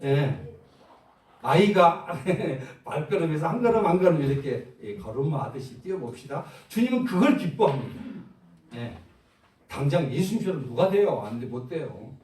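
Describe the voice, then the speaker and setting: A male pastor preaching a sermon, asking the congregation questions and answering them, moving between loud exhortation and soft low asides. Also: sing-song, moderate pace. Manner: call-and-response preaching, asks the congregation questions. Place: large church sanctuary. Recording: roomy echo, far from the mic.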